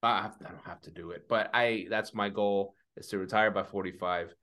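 A man's voice: lowish voice, fairly even intonation, a little fast, fairly bright tone. A man in his forties co-hosting a podcast in casual chat, hesitant and rambling, laughing easily. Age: 40s. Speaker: podcast co-host.

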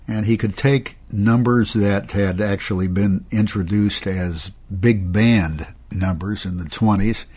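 An older man, a jazz musician, reminiscing in an anecdotal way with a husky voice. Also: sits low, a little mellow.

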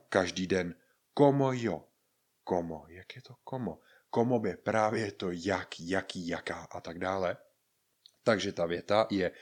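Casual, lively man teaching Spanish. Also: fairly low pitch. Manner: lively explaining, acts out example questions; casual, colloquial Czech. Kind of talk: podcast language lesson.

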